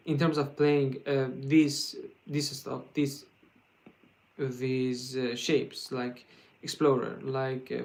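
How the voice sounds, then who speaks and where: This guitar livestream host, a man from Iran with a Persian accent and a mid-range voice, answers viewer questions casually. He speaks haltingly, full of fillers and restarts, and often laughs and jokes along the way.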